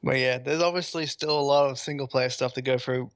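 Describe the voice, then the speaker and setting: A man's voice: mid-range voice, steady tone, a little fast, no room sound. A man chatting enthusiastically as a gaming podcast host. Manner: enthusiastic, rambling. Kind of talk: casual gaming podcast chat.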